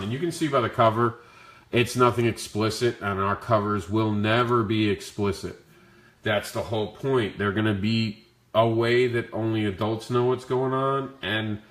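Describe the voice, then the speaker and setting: A man with a deep-leaning, growly voice roughened by flu hosts a casual Q&A stream. He talks informally to his viewers, and the sound is noticeably roomy and echoey. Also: a bit bright. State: sick with the flu. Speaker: comic creator hosting a Q&A. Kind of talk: casual livestream Q&A talk.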